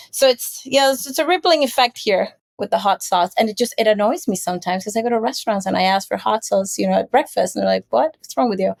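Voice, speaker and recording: A woman from Puerto Rico, a marketing executive guest, telling stories in a chatty, relaxed interview. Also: medium pitch, gravelly, dry recording. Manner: chatty, storytelling, frequent fillers. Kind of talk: casual interview.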